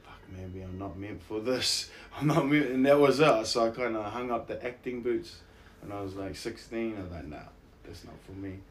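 Speaking fairly quickly with few pauses in a mid-range voice, this actor and musician, around his thirties and broadly New Zealand-accented, is interviewed casually. He swaps anecdotes in a relaxed, slangy, self-mocking way.

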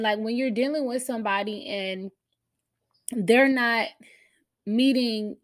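An American woman with a slight cold hosting a casual solo podcast, talking candidly and emphatically in slangy, often profane language. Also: on the high side. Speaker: podcast host.

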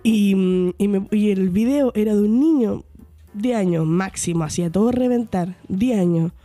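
A Chilean woman co-hosting a podcast, getting over a fever and telling stories in lively slang, acting out the quotes. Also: mid-range voice, normal speed, no room sound, soft background music. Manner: slangy, animated, acts out quotes. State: recovering from fever. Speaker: podcast co-host. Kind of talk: casual chat, storytelling.

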